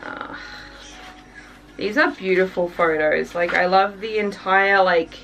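A young Australian woman, a K-pop reaction vlogger, gushes and chats casually while unboxing albums, her talk full of fillers and sighs. Her medium-pitched voice is slow, creaky, a bit bright and fairly even in intonation. It's a low-quality recording from a distant mic, with soft music in the background.

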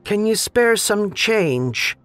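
A man's voice: sits high, big pitch swings, takes it slowly, fairly bright tone, smooth, no room sound, voice pushed up, full character voice. A man voicing an inhuman creature disguised as a ragged old woman, wheedling and then snarling.

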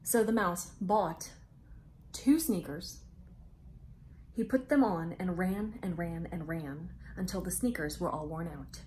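Slight background noise sits under this indoor camera-mic recording of a woman in her thirties hosting a read-aloud for young children. Her fairly low voice lingers on words with expressive, drawn-out emphasis.

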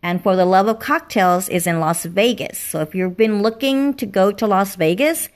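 A woman hosting a casual livestream from home, her voice slightly raspy as she is losing it, chatting with fillers. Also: mid-range voice, normal speed. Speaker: livestream host. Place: home, indoors.

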